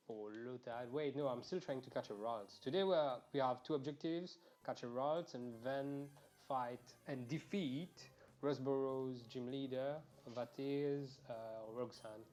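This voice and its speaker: While gaming live, this young streamer rambles to his audience, wandering across subjects and cursing casually. He speaks at a measured pace in an ordinary mid pitch, picked up faintly by an earphone mic over soft game music.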